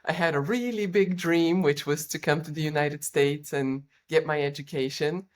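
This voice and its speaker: A woman's voice: low voice, moderate pace. A middle-aged woman from Bulgaria, a former Olympian and executive coach, telling her life story as a podcast guest in an earnest, reflective way. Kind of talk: interview storytelling.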